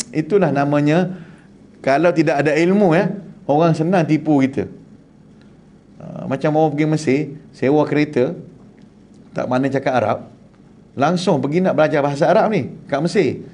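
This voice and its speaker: A man with a Malaysian Malay accent giving a humorous Quran lesson, telling animated stories with teasing asides. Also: fairly high pitch, moderate pace, pauses often. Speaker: Quran teacher.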